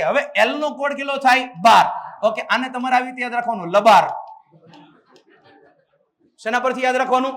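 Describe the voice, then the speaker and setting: A male teacher giving a lively classroom lecture, drilling the class with call-and-response questions and often calling out to the students. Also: very high-pitched.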